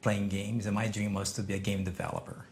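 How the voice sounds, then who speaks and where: Low gravelly Brazilian man, English. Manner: non-native English, halting restarts, lively emphasis. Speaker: podcast guest, entrepreneur. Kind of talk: conversational interview.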